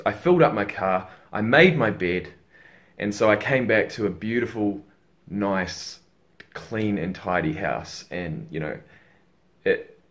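A tired young man chatting casually in a home vlog, rambling and swearing as he talks to a webcam in his bedroom. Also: low voice. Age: young adult. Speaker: fitness vlogger.

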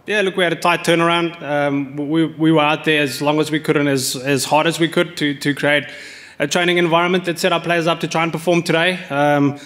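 A man's voice: on the high side, steady tone, fairly quick, a bit bright. A man in his forties, a cricket coach answering reporters' questions at a press conference, speaking into table microphones with frequent fillers and restarts.

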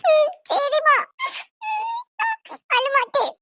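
A tearful little boy in a cartoon, squeaky, bright and very high, talking slowly through his sobs, as a woman voices him. The sound is dry and close. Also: gravelly, dry recording, heavily acted. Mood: calmed. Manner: tearful, pleading child talk. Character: small crying boy, clingy and scared.

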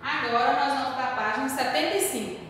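A high, bright-voiced woman from Brazil gives a children's lesson, sounding far from the mic in a very echoey room with faint hiss. She talks slowly, spelling out each word carefully and calling herself by her own name. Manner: slow, careful word-by-word dictation, stressing syllables; calls herself "tia" in the third person. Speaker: primary school teacher. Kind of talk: remote class lesson, correcting exercises.

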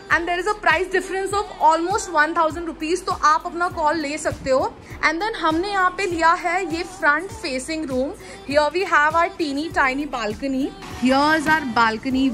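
A woman's voice: sits high, a bit bright. A young woman from India giving an upbeat hotel tour as a vlogger, chatting straight to the camera and mixing Hindi with English, filmed on a phone held at arm's length in rooms and by an outdoor pool. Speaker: travel and food vlogger.

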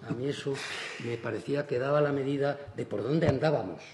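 A man's voice: mid-range voice, noisy background. An older man, a painter speaking on a panel in a large auditorium, who chuckles often and restarts his phrases. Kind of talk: panel discussion.

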